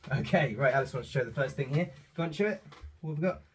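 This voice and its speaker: A man's voice: mid-range voice, quick pace, a little hiss or hum. A man and father, chatting casually at home as he shows off holiday purchases, with lots of ums as he goes. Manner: chatty, rambling, frequent ums. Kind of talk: casual haul vlog.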